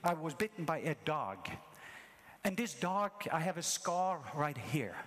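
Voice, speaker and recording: A man's voice: on the high side, sing-song, a little slow, a bit bright. A man who grew up in Norway, preaching an impassioned sermon to a congregation. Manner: impassioned, repetitive preaching cadence. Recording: long hall reverb.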